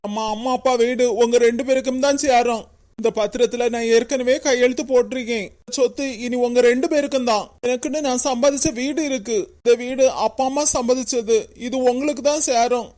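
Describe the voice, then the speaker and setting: Lady doing a high voiced cartoon brother, kanyakumari accent, pleads then scolds. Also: fairly even intonation, a little fast, mellow, lightly acted. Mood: remorseful. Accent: Kanyakumari Tamil. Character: remorseful then stern adult brother, head of family. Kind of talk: cartoon voice acting.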